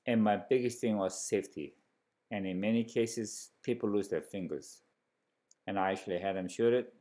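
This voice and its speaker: Low-voiced man recapping a hunting class. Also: darkish tone. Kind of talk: explanatory narration recapping a class.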